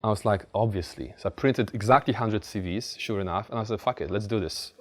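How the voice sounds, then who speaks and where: A man's voice: lowish voice, fairly quick. A man from Poland with a Polish accent giving a blunt, informal motivational talk, telling stories with emphatic repetition. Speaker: motivational speaker. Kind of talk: motivational talk to a live audience.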